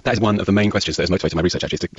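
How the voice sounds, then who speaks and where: A man's voice: low voice, very fast, breathy edge, dry recording, lo-fi sound. A man, a historian, giving fluent, articulate explanations in an interview. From Britain. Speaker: historian guest.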